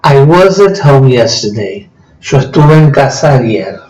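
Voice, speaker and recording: A man teaching a grammar lesson, explaining slowly and patiently in his native Spanish. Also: mid-range voice, expressive, a little mellow. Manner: slow, patient explaining, switching between two languages. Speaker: English teacher. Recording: echoey room.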